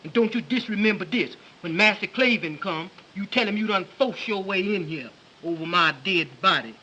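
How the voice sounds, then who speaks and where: A woman's voice: mid-range voice, moderate pace, pushed and bright, natural voice. A woman playing a folksy, scolding, motherly maid with a Southern US accent in an early talkie film. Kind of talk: early talkie film acting, broad comic. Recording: dull, hissy early sound film.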